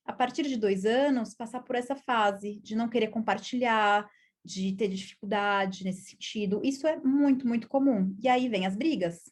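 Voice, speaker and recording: A woman with a Brazilian Portuguese accent, a child psychologist in her thirties, explaining calmly in an educational video lesson and often adding little tag questions. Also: on the high side.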